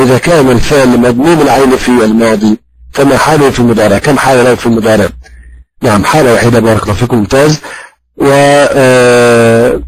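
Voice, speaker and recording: Guy teaching grammar, middle pitch, slow with lots of pauses, asks the class questions and praises them. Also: rough recording. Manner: slow and halting, with many drawn-out fillers. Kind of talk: classroom lesson with audience questions.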